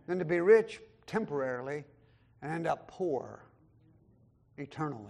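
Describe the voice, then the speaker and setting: Preaching at a moderate pace, a pastor with a strikingly high, gravelly voice reads scripture aloud in an expressive, emphatic sermon. His big points rise loud and high while his asides sink low and quiet, and now and then he acts out others' words.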